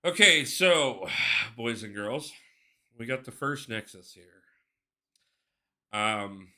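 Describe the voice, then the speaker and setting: A man's voice: on the low side, takes it slowly, pushed and bright. A man live-streaming a mobile game, chatting casually, thinking aloud and greeting his viewers by name.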